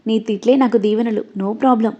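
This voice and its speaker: A woman's voice: on the high side, steady tone, moderate pace, warm tone, lightly acted. A woman reading the lines of a playful, teasing young man in a story. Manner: playful, coaxing. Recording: dull lo-fi audio.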